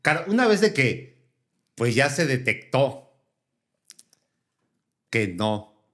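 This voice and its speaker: A man's voice: mid-range voice, big pitch swings, slow pace. A man hosting a podcast, asking long, meandering questions and nodding along with "ujú". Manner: rambling questions with many back-channel "ujú" and "ok". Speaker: podcast host. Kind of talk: interviewing, casual chat.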